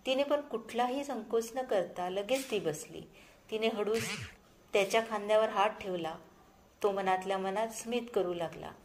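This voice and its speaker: A woman storyteller narrating a short love story in an even, gentle reading style. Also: medium pitch, moderate pace, a little hiss or hum.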